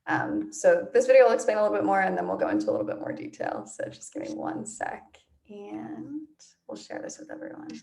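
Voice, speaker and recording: A woman's voice: medium pitch, sing-song, a little fast, creaky, a little mellow. A woman hosting an online session in a casual, effusive, gushing manner. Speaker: host.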